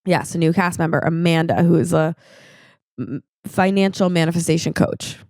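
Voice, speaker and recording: Casual podcast co-host, woman, lower voice, dry studio sound, rambling recap. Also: moderate pace, a little mellow, no echo. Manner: rambling recap with many likes and acted quotes. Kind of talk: casual chat.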